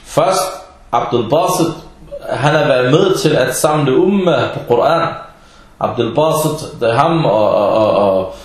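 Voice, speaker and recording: A man's voice: mid-range voice, expressive. A man giving an informal religious talk in a blunt, scolding and sarcastic way. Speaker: preacher. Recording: very echoey room.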